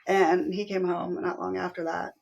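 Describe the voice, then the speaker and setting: A middle-aged woman telling a personal story as an interview guest, animated, acting out the voices of people she quotes. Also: on the low side, moderate pace, vocal fry, lo-fi sound.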